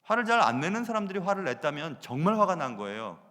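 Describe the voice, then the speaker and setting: A man preaching a sermon as pastor, animated, moving between loud emphasis and hushed asides. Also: on the high side, quick pace. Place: church sanctuary. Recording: long reverb of a church hall.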